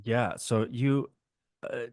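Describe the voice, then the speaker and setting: A man's voice: medium pitch, fairly even intonation, takes it slowly, darkish tone, no echo, studio quality. A man from Wisconsin with a Midwestern American accent, hosting a podcast and asking loose, easygoing questions with fillers. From Wisconsin, United States. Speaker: podcast host. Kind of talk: casual interview chat.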